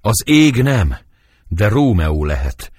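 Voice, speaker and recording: A man's voice: lowish voice, very animated, darkish tone, slightly rough, no echo, clean studio sound. A wailing old nurse, read by a man. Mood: lamenting. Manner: lamenting, wailing verse reading. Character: old nurse, fussy and grieving woman. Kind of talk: dramatic verse reading.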